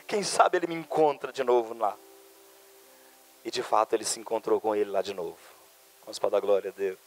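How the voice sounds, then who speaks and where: A male pastor preaching a sermon, moving from quiet storytelling to loud, high, fervent preaching. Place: church conference hall.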